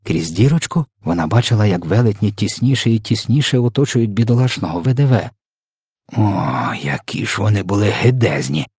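A man narrating a children's audiobook with lively, expressive storytelling. His voice is low and husky. The recording is dry and close. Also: a little fast, no room sound.

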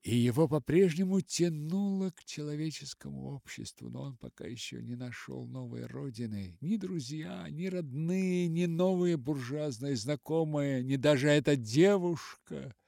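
A man reading a literary novel aloud as an audiobook narrator, measured and dramatic with long pauses. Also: on the high side, gravelly, dark tone, no echo, studio quality.

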